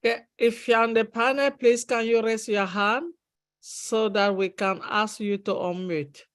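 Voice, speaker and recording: Moderator: slightly high woman, unhurried, dry close sound. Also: fairly even intonation, dry recording. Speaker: webinar moderator. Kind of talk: moderating callers.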